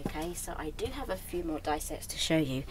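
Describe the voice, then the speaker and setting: Background noise accompanies a low-pitched, animated woman speaking briskly. Originally from Yorkshire and now a southern Englander, she's a craft designer casually launching new designs, rambling with chatty enthusiasm.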